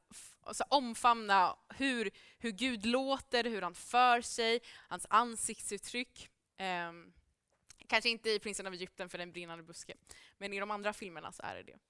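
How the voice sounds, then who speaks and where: A woman preaching to a congregation in a casual, chatty way, full of fillers and laughs. Her voice is bright and crisp, fairly high, and sounds dry and close. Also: no echo. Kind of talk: informal sermon to a congregation.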